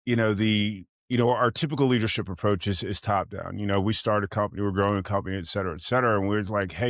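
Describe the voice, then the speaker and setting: A man's voice: fairly low pitch, a bit bright, no echo, clean studio sound. A man hosting a podcast interview, upbeat and promotional, asking long, winding questions. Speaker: podcast host.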